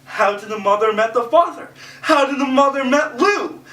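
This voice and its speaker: A man's voice: extremely high pitch, animated, moderate pace, sharp tone. A young man giving a comedic movie review, ranting with exasperation and plenty of swearing. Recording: roomy, far from the mic.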